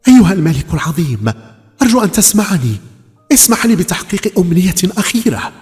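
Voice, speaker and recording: A man voicing a young woman turned into a goat, crying out high and desperate. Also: sing-song, fairly quick, dark tone. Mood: pleading. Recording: long reverb with faint music.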